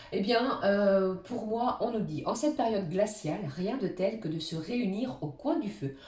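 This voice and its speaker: A woman giving a weekly astrology card reading, hesitant with many fillers, talking warmly to her viewers as friends. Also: mid-range voice, roomy sound, recorded from a distance. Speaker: tarot reader.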